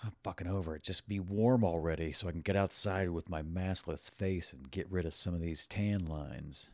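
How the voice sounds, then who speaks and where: A man's voice: low voice, moderate pace, no echo, clean studio sound. A man hosting a podcast in casual chat, swearing freely and laughing often. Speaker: podcast host.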